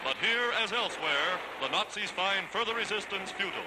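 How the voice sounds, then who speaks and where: High-voiced man narrating an old newsreel. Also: expressive, fairly quick, very noisy. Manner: declamatory, stirring, triumphant. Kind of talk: 1940s wartime newsreel narration. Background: loud music.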